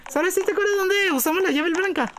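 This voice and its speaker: A woman's voice: extremely high pitch, a little fast, heavy background noise. A woman with a Mexican accent chatting urgently and bossily while playing a game with others. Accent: Mexican Spanish. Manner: urgent, bossy, excitable. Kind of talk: casual gameplay chat.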